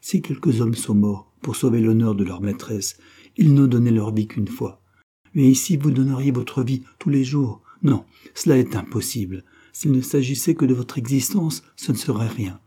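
A man reading aloud and voicing a kind, worn-out old soldier with a gentle, weary manner. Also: medium pitch, moderate pace, slightly rough, natural voice.

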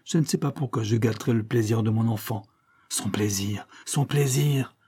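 A man's voice: lowish voice, fast talker, mellow, slightly rough. A man reading aloud and voicing a wife who answers curtly and coldly, with arrogance. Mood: haughty. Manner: curt, cold, arrogant. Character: haughty wife, cold and imperious.

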